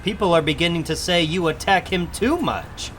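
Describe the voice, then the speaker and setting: A man's voice: on the high side, normal speed, fairly bright tone, a little hiss or hum, natural voice. A man playing a wisecracking young superhero, quippy and theatrical, in a dramatic comic book reading. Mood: sly. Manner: quippy, self-narrating, theatrical. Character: wisecracking teenage male superhero, cocky but hard-luck.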